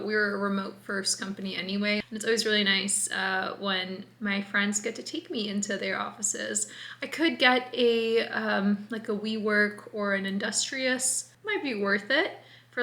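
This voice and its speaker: A woman's voice: medium pitch, sharp tone. A young woman vlogging in a chatty, rambling way, thinking aloud about her week. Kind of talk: casual vlog narration.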